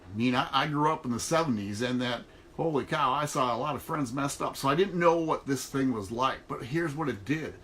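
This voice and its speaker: A man's voice: medium pitch, a little fast, a bit bright. A middle-aged man talking casually and emphatically in a folksy, motivational vlog, recorded inside an RV trailer. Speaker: online network marketer. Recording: noticeable background noise in a trailer.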